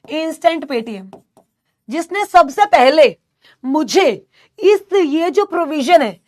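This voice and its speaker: A woman's voice: high-pitched, expressive, slow, darkish tone. A young woman teaching an online class with a sore throat, drilling her students with call-and-response and teasing scolds.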